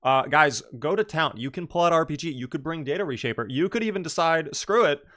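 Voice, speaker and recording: A man's voice: a little high, fast, fairly bright tone. A man hosting casual esports commentary, chatty and joking as he banters. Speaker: esports match host and commentator.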